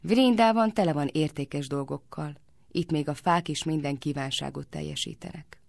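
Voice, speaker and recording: A woman's voice: low voice, creaky, a little mellow, no room sound, studio quality. A woman voicing a clever, playful young cowherd boy in a storybook reading, with a teasing, mock-innocent manner.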